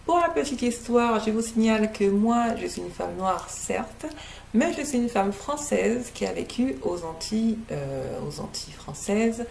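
Slow, hesitant woman reviewing a book. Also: medium pitch, sing-song, creaky, darkish tone, a little hiss or hum. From French Guiana. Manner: hesitant, many filler sounds, careful. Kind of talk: casual book review to camera. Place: living room at home, indoors. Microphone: laptop webcam, seated close.

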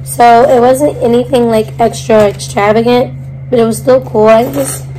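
A woman in her twenties chatting casually to her vlog, her voice hoarse with a smoker's rasp as if half lost. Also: a little high, steady tone, moderate pace, warm tone, rough recording. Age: 20s. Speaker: vlogger. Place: hotel-like bedroom, indoors. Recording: noticeable background hum and noise.

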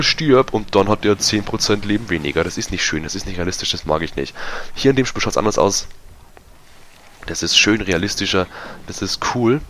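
A man giving casual, self-mocking commentary over a multiplayer match, his voice going hoarse. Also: lowish voice, a bit bright, slight background noise. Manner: chatty, self-mocking, many fillers. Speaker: gaming YouTuber. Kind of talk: casual let's-play commentary.

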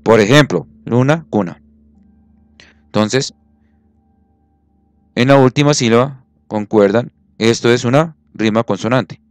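A man's voice: mid-range voice, measured pace, long pauses, no echo, studio quality, soft background music. A man teaching a classroom lesson, patient, counting syllables aloud and checking that students follow.

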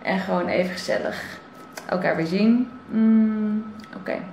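A woman's voice: medium pitch, measured pace, a little mellow, soft background music. A young woman with a Netherlands Dutch accent chatting casually to a handheld camera as a vlogger. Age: young adult. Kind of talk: casual vlog chat to camera. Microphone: handheld camera at arm's length. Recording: clear background noise, handheld camera.

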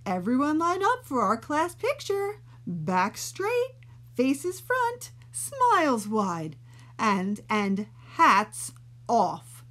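A woman's voice: sits high, huge pitch swings, extremely slow, fairly bright tone, pitched above the performer's own voice, full character voice. Lady doing a sing-songy teacher lady, super bouncy. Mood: bossy cheer. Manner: singsong. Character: cheerful singsong schoolteacher woman.

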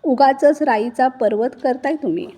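A woman's voice: high voice, animated, moderate pace, mellow. Woman voicing a polite tired daughter-in-law. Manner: polite, restrained. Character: weary young daughter-in-law, polite and quiet.

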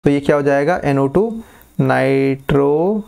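Gravelly-voiced chemistry teacher. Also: male voice, a little high, expressive, a little mellow. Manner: coaxing, checks understanding often; repeats key terms slowly. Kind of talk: casual classroom explanation.

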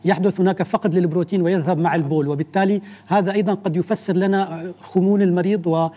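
A man, an internal medicine doctor, explaining medical facts in a measured way on a TV interview, often restarting his sentences. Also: high voice, fairly even intonation, dull audio.

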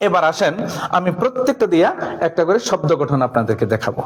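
A man from Bangladesh, teaching in a classroom with a board. He leads the class in call-and-response drills and slow chanted rhymes. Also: on the high side, big pitch swings. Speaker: madrasa teacher.

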